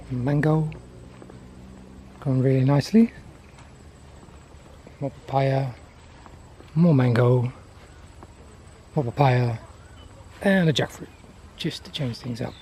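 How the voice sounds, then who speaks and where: Mellow-voiced man on a casual garden tour. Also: medium pitch. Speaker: gardener giving a property tour. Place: outdoors in a garden. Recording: outdoor ambient noise.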